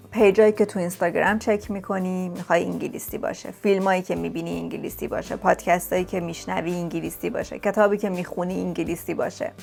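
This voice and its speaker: A woman's voice: lowish voice, gravelly. A woman vlogger giving language-learning tips in a casual, chatty way, often repeating words for emphasis. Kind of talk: casual talk to camera. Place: lives in England.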